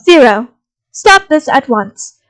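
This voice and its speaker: Female robot announcer, as a reader puts her on, low-pitched, cool, commanding, measured. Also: big pitch swings, a bit bright, full character voice.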